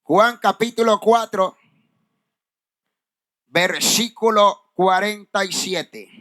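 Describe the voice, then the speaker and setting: A man's voice: high-pitched, slow pace, a bit bright. A man preaching a fervent Pentecostal sermon, calling the congregation brother and reading scripture aloud. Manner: fervent, addresses congregation as hermano.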